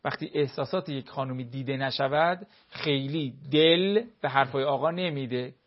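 A man's voice: mid-range voice, highs cut off, slight background noise. A man, a cleric, giving earnest marriage advice in an explanatory talk full of everyday examples.

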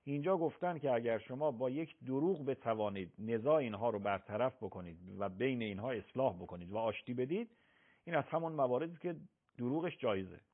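A man's voice: mid-range voice, expressive. A man acting as a religious scholar on a live call-in show, explaining rulings methodically with emphatic examples. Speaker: religious scholar answering questions. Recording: tinny phone-like broadcast sound.

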